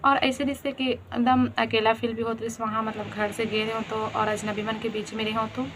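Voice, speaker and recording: A young woman with a Chhattisgarhi accent tells her own story to her viewers and keeps calling them friends as she goes. Her voice sits a little high. A faint hiss runs under the recording. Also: flat delivery, a little fast. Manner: chatty, addresses viewers as friends. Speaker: vlogger. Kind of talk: casual storytelling.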